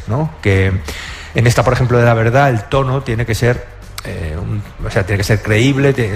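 A man's voice: fairly low pitch, a little hiss or hum. A middle-aged man from Castilla-La Mancha, a guest comedian and actor chatting on a talk show in a jokey, self-mocking way. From Castilla-La Mancha, Spain. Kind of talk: casual talk show chat. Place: studio with live audience.

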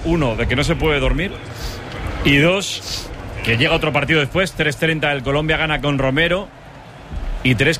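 Bright, high-voiced man giving emphatic match opinion. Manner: emphatic, repeats phrases. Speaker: football co-commentator on a radio show. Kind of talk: live match commentary and opinion. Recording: faint ambient noise behind.

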